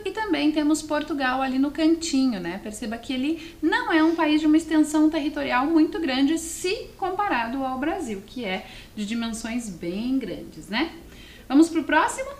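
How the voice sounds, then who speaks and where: This is a televised lesson led by a high-pitched Brazilian language teacher with a southern accent. She explains patiently to students, frequently asking questions and adding tags to check understanding, in an echoey room with a little background noise.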